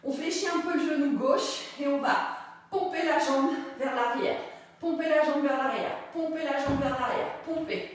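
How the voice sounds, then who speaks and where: A woman's voice: high-pitched, moderate pace. A woman leading a pilates workout, upbeat and coaxing, repeating her cues as she counts and guides the moves. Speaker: pilates instructor. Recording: very echoey room, far from the mic.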